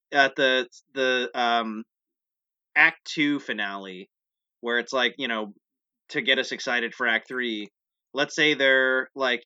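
A man with a bright, forceful voice brainstorming in a loose, rambling way, breaking into laughter and acting out bits as he goes. The sound is a little dull and lo-fi. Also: mid-range voice. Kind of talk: casual brainstorming chat.

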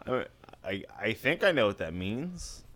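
A man co-hosting a podcast in casual chat, with a monotone voice and dry, crude banter. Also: on the low side, unhurried. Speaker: podcast co-host.

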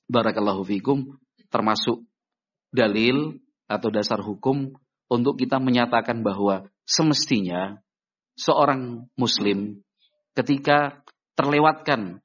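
A man preaching an Islamic sermon in an animated way, acting out short dialogues in a raised voice. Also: husky. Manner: animated, acts out little dialogues with raised pitch. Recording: dull lo-fi recording.

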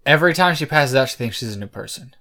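A man joking loudly in a casual chat with friends. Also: mid-range voice, expressive, quick pace.

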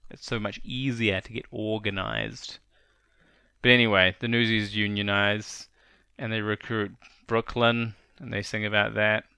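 A man talks through a film plot in a relaxed, joking way. His low voice has a gravelly texture and a bright edge. The sound is close and dry. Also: a little slow, dry recording. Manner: joking, opinionated. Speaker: podcast co-host. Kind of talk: casual movie review chat.

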